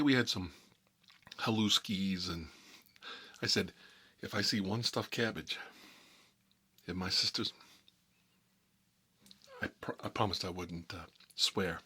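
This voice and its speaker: In an improvised ASMR role-play, a man plays a boastful Italian-American mob boss, eating while he talks. His fairly low, sharp, breathy voice is heavily acted as he rambles, halts and mutters with food in his mouth, sounding boastful and nostalgic.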